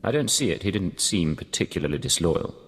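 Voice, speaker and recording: Brief: low-voiced, guarded spy, echoing room. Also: male voice, lively intonation, a little fast, breathy edge, exaggerated voice. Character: guarded male undercover agent, dry. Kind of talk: video game cut-scene acting.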